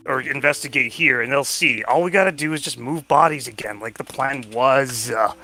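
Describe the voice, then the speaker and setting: A man's voice: mid-range voice, normal speed, sharp tone, slight background noise. A sweary man chatting casually as a player in a tabletop roleplaying game. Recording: music behind the voice. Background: music.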